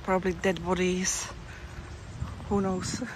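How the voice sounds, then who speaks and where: A woman's voice: on the low side, level tone, slow. Chatty woman vlogging outdoors by a river. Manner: chatty and playful, musing aloud. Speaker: walking tour vlogger. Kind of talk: casual walking commentary. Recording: outdoor recording with street noise.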